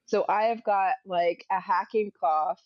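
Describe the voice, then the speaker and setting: Hoarse woman telling her story frankly. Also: medium pitch, a little slow, dry recording, muffled recording. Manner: frank, chatty, occasional coughs. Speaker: podcast guest sharing a personal story. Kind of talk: candid conversational storytelling.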